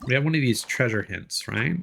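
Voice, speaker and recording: Game music plays as this livestreamer and VTuber talks casually through his gaming session. He has a mid-range, slightly bright voice with vocal fry, lively intonation, and a brisk pace.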